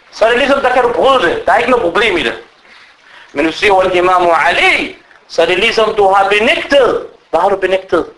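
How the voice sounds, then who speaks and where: Guy preaching, high voice, lively storytelling, keeps asking the crowd questions. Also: low-quality recording. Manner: animated, rhetorical questions to listeners. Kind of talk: religious lecture.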